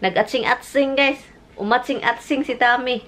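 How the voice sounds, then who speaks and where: A woman's voice: a little high, normal speed, fairly bright tone. A woman from the Philippines with a Filipino accent, chatting casually and laughing often while vlogging from a car on her phone. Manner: chatty, giggly, exclamatory. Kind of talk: casual chat mixing Tagalog and English.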